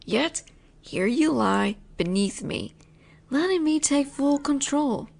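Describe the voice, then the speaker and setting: A young woman acts out an intimate audio roleplay as a possessive roommate who teases, talking low and lingering and at times whispering. The voice is animated yet slow, creaky, and a little mellow.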